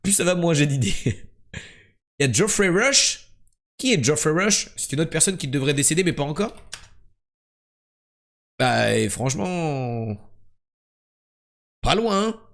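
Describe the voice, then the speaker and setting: A young man streaming quiz games live, chatting casually and joking, jumping between loud bursts and low mumbles. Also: very animated, a little slow, gravelly, pauses often.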